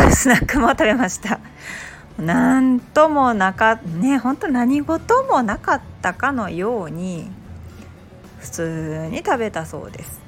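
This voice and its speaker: A woman, a mother hosting a casual spoken monologue, telling a lively story with laughs and acted-out quotes. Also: medium pitch. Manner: chatty, animated storytelling with quoted voices and laughs. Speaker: podcast host, mother.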